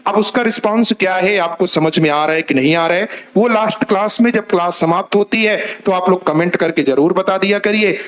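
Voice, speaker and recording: A man's voice: high voice, brisk, few pauses. A man teaching an online grammar class. He explains step by step, repeating points and asking rhetorical questions, and he addresses his listeners as children.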